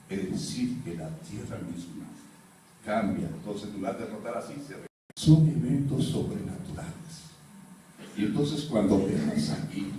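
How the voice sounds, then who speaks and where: A man's voice: on the low side, dark tone. A man preaching a sermon as pastor, teaching and putting questions to his congregation. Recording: roomy echo, mic far off, faint room noise.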